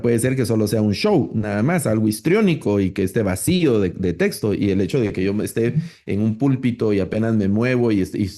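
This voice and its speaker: A middle-aged man, giving a relaxed, conversational online lecture on preaching with frequent rhetorical tags. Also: mid-range voice. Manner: relaxed, explanatory, with many fillers and rhetorical tags. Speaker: preaching course instructor.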